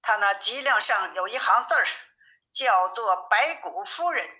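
A woman's voice: on the high side, expressive, unhurried, sharp tone, poor audio. A woman doing a brash monkey king. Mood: urgent.

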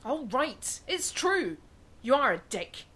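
Woman doing a scheming flight engineer in an audio comedy, high-ish, brusque. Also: sing-song, slow, a bit bright, husky, exaggerated voice. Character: scheming female flight engineer, bossy and bitter. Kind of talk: comic radio-play acting.

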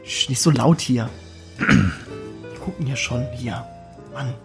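A man's voice: mid-range voice, lively intonation, takes it slowly, vocal fry, over music. A man co-hosting a casual podcast, joking around, laughing often and spelling words out letter by letter. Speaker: podcast co-host. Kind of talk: casual chat.

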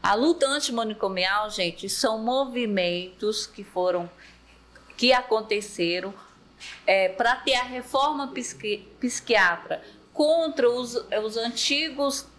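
A woman's voice: fairly high pitch, slow, fairly bright tone. A woman, a mental health worker, explaining things earnestly in a casual panel talk. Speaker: mental health professional guest.

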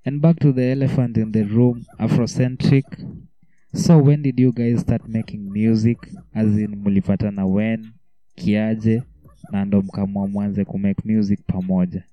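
A man's voice: on the low side, level tone, normal speed. A man with a Kenyan accent hosting a casual, hyped radio interview full of slang. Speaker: radio host. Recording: muffled, roomy radio interview audio.

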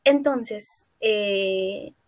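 A woman's voice: medium pitch, extremely slow, a little mellow, dry recording. A Mexican woman co-hosting a podcast, telling a personal story in a rambling, filler-heavy way. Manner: rambling, full of fillers and self-corrections. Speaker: podcast co-host. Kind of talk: casual podcast chat.

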